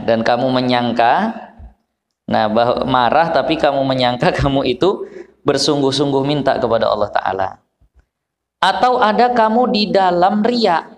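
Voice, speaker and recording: A man with a Medan Malay accent preaches in a loose, storytelling way at a village study gathering. His delivery is animated, and he drops into low voices as he acts out the people in his stories. His voice rings through an echoey hall with a long tail of reverb. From Medan, Indonesia. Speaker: Islamic preacher. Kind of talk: informal religious lecture.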